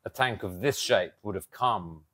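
A man's voice: fairly low pitch, moderate pace. A man in his thirties, a custom motorcycle builder, talking casually and animatedly outdoors by a garage door on a lapel mic. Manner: animated, explains with hand gestures. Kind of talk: casual show-and-tell.

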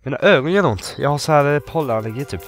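Over soft background music, an animated Swedish man with a medium-pitched voice commentates his horror game playthrough. He's skittish, muttering and repeating lines to himself, and swears when jump scares hit.

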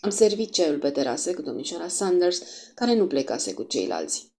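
Woman audiobook narrator, low, mellow and husky, steady measured delivery.

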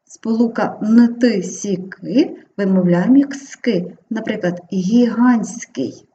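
A Ukrainian woman teacher giving an exam-prep grammar lesson, clearly and slowly drawing out each example word. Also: a little high, very animated, warm tone. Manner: clear, deliberate, drawn-out spelling of example words. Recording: slightly dull lo-fi audio with faint background hiss.

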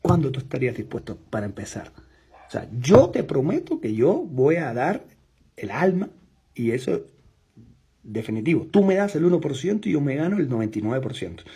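A man's voice: a little high, big pitch swings, moderate pace, warm tone, breathy edge. A man coaching his sales team in an intense, emphatic, repetitive motivational talk. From outside Mexico.

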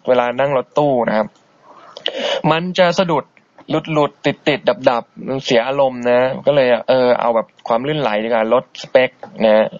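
A man's voice: normal speed, dry recording. A man hosting an internet radio show, chatting politely and easygoingly as he reads out and answers listener messages. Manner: easygoing and polite, chatty, soft-spoken asides. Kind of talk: casual radio chat reading listener messages. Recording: dull, boxy low-bitrate internet radio stream.

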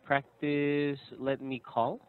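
Over a tinny, phone-like video call line, an English tutor in his thirties gives a lesson with patience and encouragement, laughing frequently. He speaks slowly in a clear, resonant mid-range voice with a level tone.

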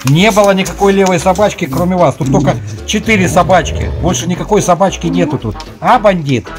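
A woman's voice: fairly low pitch, brisk. A woman talking to pets in a mock-scolding style. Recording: loud music under the voice.

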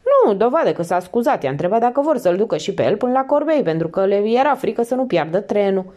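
A woman reading an audiobook voices a chatty, fussy middle-aged female country innkeeper, talking high and excitedly. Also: close to an everyday voice.

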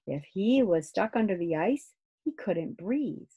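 A woman's voice: medium pitch, animated, a little slow, mellow, slightly rough, muffled recording. A woman reading aloud and voicing a sensible, scolding young girl in a storybook. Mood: anxious. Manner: scolding, earnest.

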